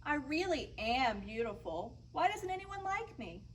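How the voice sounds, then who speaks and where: A woman voicing a vain, lonely storybook fish with a slow, plaintive, pleading manner. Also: high-pitched, sing-song. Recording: noisy, distant mic.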